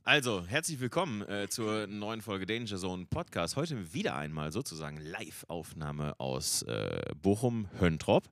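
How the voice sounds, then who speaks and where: A man with a fairly low voice, recorded very dry. He hosts a casual podcast, bantering wryly in long, roundabout sentences. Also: big pitch swings, a little slow, hardly any pauses, a bit bright, no room sound. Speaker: podcast host.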